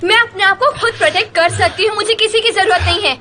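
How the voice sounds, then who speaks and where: A woman's voice: very high-pitched, quick pace, pushed and bright, a little hiss or hum. A woman dubbing a tough, defiant young woman who looks after her siblings, in a dubbed TV drama. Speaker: dubbing actor. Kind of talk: Urdu dub of a TV drama.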